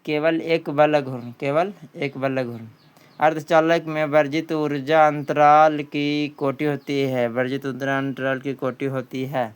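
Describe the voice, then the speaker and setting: Pitched on the high side with little movement, a man with a Bihari accent speaks at a measured pace in a clean tone. He's teaching exam quiz material, reading questions out, often repeating them, then revealing the answers.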